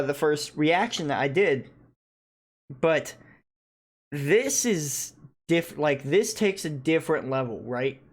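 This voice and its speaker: A man who is a native English speaker hosts a music reaction video, giving casual, analytical commentary and thinking aloud haltingly. His voice is fairly high in pitch.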